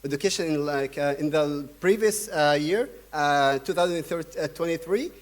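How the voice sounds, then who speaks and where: A young man from Sudan gives a keynote at a conference. His voice is slightly high, and his delivery is hesitant and halting, full of fillers and restarts.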